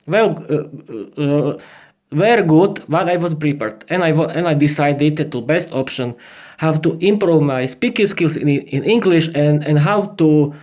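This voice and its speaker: A podcast host in his thirties with a Slovak accent speaks a little slowly, his voice fairly high with a darkish tone. He improvises a monologue in hesitant learner English, frequently repeating and restarting phrases.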